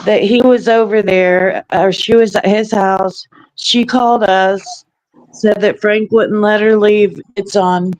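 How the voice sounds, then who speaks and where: Man in his 40s, high voice, slow halting talk, dry sound, group chat. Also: steady tone, dry recording, low-quality recording. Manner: recounting events in a slow, halting way. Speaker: panel guest.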